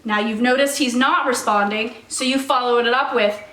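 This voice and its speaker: A woman's voice: on the high side, steady tone, moderate pace, sharp tone. A young woman co-hosting a comedic advice chat, playful and mock-serious in her delivery. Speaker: co-host. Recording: echoey room.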